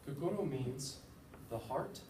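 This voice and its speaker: A young American man gives a casual, informative class presentation in a mid-range voice with lively intonation and a slightly slow pace, dropping in a few fillers and self-deprecating asides. He's recorded far from the mic in an echoey room with background noise.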